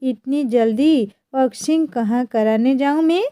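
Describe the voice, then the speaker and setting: A woman's voice: sits high, unhurried, dark tone, clear, resonant tone, no echo. A woman voicing a meek, put-upon young husband in a mild, pleading way.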